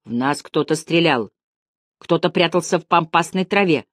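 A woman reading the part of a practical, protective older man, steady and matter-of-fact. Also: low voice, moderate pace, no echo, studio quality, lightly acted.

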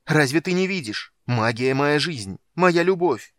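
A man's voice: on the low side, a little fast, dry recording, clean studio sound, close to an everyday voice. A man reading an audiobook, voicing an impassioned young male mage who speaks in a raised, strained, defiant way.

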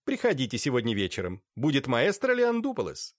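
A man's voice: medium pitch, wildly swooping pitch, a little fast, dry recording, clean studio sound, voice pushed up. A man doing an odd, whimsical old lady. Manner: whimsical, defiant. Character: eccentric aging woman, morbid and whimsical.

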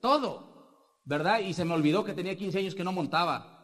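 Mexican man with a high, echoing voice. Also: fast. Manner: rambling, tag questions after every point. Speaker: business speaker sharing success story. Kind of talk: motivational testimony talk.

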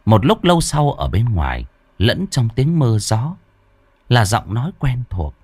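Expressive male ghost-story narrator. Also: medium pitch, measured pace, slightly rough, no room sound.

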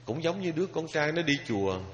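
A man giving a Buddhist dharma talk as a sermon, telling a story with emotion and pausing at length as he speaks straight to his listeners. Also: a little high, big pitch swings. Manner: emotional storytelling, drawn-out pauses, addresses listeners directly. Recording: lo-fi recording with long hall reverb, faint noise.

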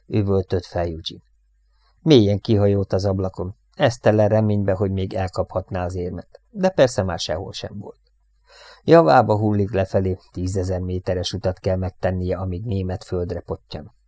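A man narrating an audiobook in a measured, dramatic way. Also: deep voice, warm tone, no room sound, clean studio sound.

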